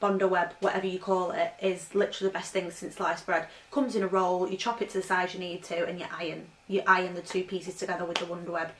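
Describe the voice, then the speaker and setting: Speaking fast with hardly any pauses, a fashion vlogger rambles through her vintage haul at home in a lowish, level voice, leaning heavily on "like." The casual vlog has a roomy echo, and she sounds off-mic.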